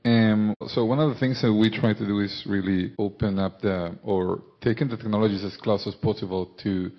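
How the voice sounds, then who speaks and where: A man's voice: fairly low pitch, steady tone, moderate pace, highs cut off. A man in the audience making an earnest comment at a conference. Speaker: audience member. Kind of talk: comment from the floor.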